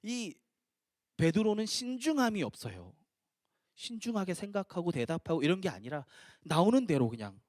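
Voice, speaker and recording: A male pastor preaching at a youth prayer meeting, telling the story in an animated way and acting out the scripture. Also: a little high, no room sound, clean studio sound.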